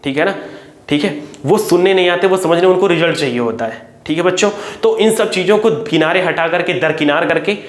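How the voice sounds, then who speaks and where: Earnest teacher, echoey room. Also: male voice, on the high side, a little fast. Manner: earnest, repeats "theek hai" often. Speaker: coaching teacher. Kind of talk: direct-to-camera talk to parents and students.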